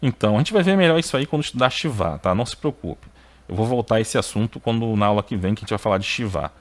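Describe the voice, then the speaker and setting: This Hebrew teacher is an animated, fast talker delivering a video lesson on biblical Hebrew. He's emphatic, tosses in short checking tags, and jumps up in pitch to stress key points.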